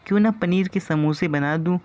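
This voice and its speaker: A humble young woman in a cartoon story speaks in a raised, gentle voice, as a man puts her on. She is patient and polite, and her replies come out soft and pleading. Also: high voice, moderate pace, pitched above the performer's own voice, close to an everyday voice.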